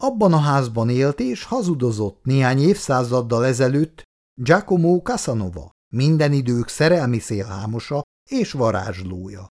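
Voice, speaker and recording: A man's voice: medium pitch, sing-song, darkish tone. A man reading a story aloud, voicing a courteous, worldly male writer who speaks politely and persuasively. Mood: knowing. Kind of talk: read-aloud story dialogue.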